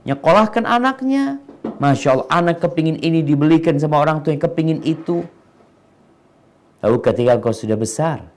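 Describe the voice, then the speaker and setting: Guy preaching, kinda high voice, goes quiet then loud for emphasis. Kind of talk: sermon.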